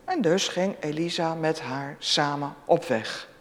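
A preacher introducing and reading a scripture story aloud in a church service, telling it expressively. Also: a little slow. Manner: expressive storytelling with lively pitch. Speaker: preacher or worship leader. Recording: long church reverb.

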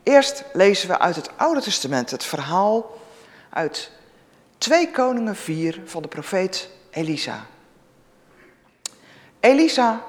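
Preacher, scripture reading, animated pitch, long church reverb. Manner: expressive storytelling with lively pitch. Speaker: preacher or worship leader.

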